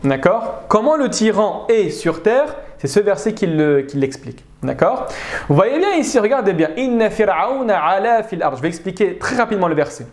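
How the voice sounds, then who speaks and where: A man leads an online grammar lesson in a high, animated voice that rises and falls freely. He checks in with his students again and again as he explains. The sound carries a noticeable echo from the room. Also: normal speed. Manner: animated, checks understanding with frequent "d'accord?". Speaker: Arabic teacher. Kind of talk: live online grammar class.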